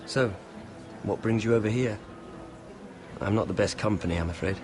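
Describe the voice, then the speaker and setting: Man playing a low-voiced, shy, clumsy nobleman. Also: normal speed, background noise, close to an everyday voice. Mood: shy, polite. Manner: hesitant, apologetic, polite. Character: clumsy, shy, self-effacing young nobleman. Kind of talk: video game voice acting. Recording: music behind the voice.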